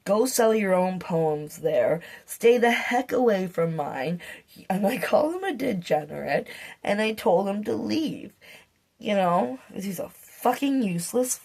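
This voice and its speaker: A woman's voice: medium pitch, expressive, unhurried, gravelly, darkish tone. A middle-aged woman vlogging a casual rant to camera, swearing heatedly and rambling with fillers and restarts. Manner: profane, heated ranting.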